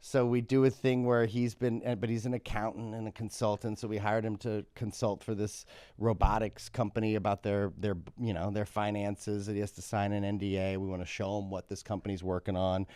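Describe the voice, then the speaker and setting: A man telling stories in a casual podcast conversation, animated, with many restarts and fillers. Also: fairly low pitch, fairly quick, smooth, no echo, clean studio sound. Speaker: podcast guest, magician.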